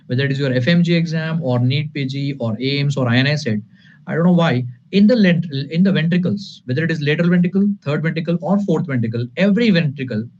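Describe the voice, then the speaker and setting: A man with an Indian accent, his voice on the high side and slightly mellow, teaches anatomy in a live online lecture for exam preparation. Emphatic and repetitive, he moves between English and Hindi and calls his students "sir" and "guys." The audio sounds dull and lo-fi, with some light noise.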